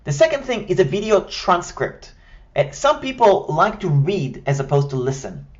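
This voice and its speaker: A high-pitched man from Israel speaks in a sing-song manner at a moderate pace, and the sound is lo-fi. He is a native Hebrew speaker with an Israeli accent, presenting a scripted, structured, direct step-by-step guide to creating an online course.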